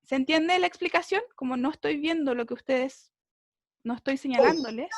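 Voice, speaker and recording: A woman's voice: high voice, moderate pace, a little mellow, no echo, studio quality. A woman English teacher explaining a lesson over a video call, patiently checking that her students follow. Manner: patient, keeps checking understanding with tag questions. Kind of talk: online class explanation.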